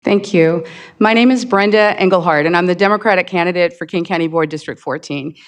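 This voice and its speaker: A woman's voice: on the low side, clear, resonant tone. Earnest retired teacher woman giving a campaign statement. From Indiana, USA. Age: older. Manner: earnest, halting with fillers and restarts. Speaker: county board candidate. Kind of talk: prepared campaign statement at a public forum. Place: public forum hall.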